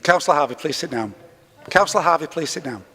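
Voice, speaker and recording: A man's voice: a little high, animated, fast. A man serving as mayor who chairs a council meeting and firmly cuts in to keep order. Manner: firm, interrupts to keep order. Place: large council chamber. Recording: echoey chamber, faint noise.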